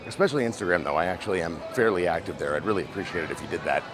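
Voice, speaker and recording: Deflated, deep-voiced theme park vlogger man. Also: rapid-fire, music in the background. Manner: chatty, self-deprecating, deflated. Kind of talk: casual vlog to camera.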